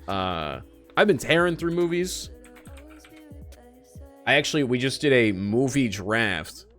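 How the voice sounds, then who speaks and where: Streamer, late twenties, lively up-and-down voice, rambling self-mocking banter, faint music under it. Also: male voice, medium pitch. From United States. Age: late 20s. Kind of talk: casual chat while gaming.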